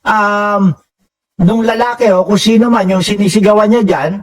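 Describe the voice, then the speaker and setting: A man's voice: high voice, moderate pace, far from the mic, rough recording. A Filipino man doing casual political commentary for his viewers, reading out comments and mocking with frequent laughs. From Philippines. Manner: mocking, laughs often, addresses viewers as bossing.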